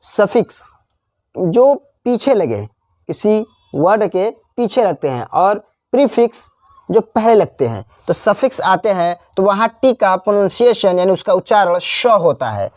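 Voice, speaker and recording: A man teaching a spelling lesson. He spells out letters slowly, repeats each example word, and slips into chatty asides. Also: high-pitched, big pitch swings, darkish tone, dry recording, studio quality. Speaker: English teacher. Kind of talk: classroom-style spelling lesson.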